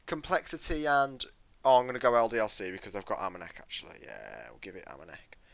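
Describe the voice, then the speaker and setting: Man, British accent, late teens, casual podcast banter, chatty, drops to quiet asides. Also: on the low side, lively intonation, quick pace, gravelly, no room sound. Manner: chatty, loud, self-described obnoxious, trailing into quiet asides. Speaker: podcast co-host. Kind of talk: casual chat.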